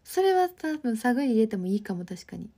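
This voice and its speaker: Her voice runs on the high side and sing-song, dark-toned and husky, and she keeps a brisk pace. She's a woman in her twenties from Osaka, Japan, hosting a livestream and chatting warmly with viewers about their comments in the Osaka dialect.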